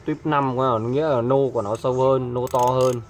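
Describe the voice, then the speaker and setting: A man's voice: mid-range voice, steady tone, moderate pace. A man, a fishing tackle shop owner showing products in a chatty way, often hesitating and repeating himself. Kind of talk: casual product showcase. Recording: noisy background.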